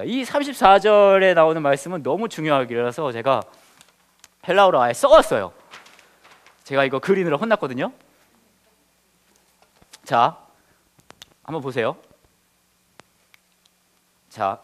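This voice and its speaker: A man, a pastor, leading a Bible study lesson, asking his listeners questions and joking with them. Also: a little high. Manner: lively teacher, quizzes the group, jokes.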